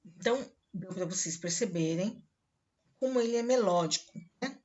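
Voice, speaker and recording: A woman with a Brazilian accent teaching a literature class online, explaining slowly and reading poems aloud to students. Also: medium pitch, darkish tone. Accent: Brazilian Portuguese. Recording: dull lo-fi recording.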